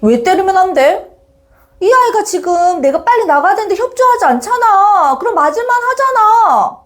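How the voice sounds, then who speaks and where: A woman's voice: extremely high pitch, big pitch swings, normal speed, voice pushed up. A woman voicing an angry nine-year-old boy who argues back at his mother in a whiny, defiant way.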